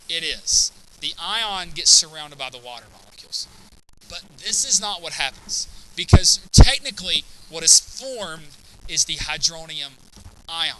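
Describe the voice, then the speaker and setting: A man's voice: on the high side, noisy background. A man teaching a chemistry class, lecturing and constantly checking in with students by asking "right?" and "okay?".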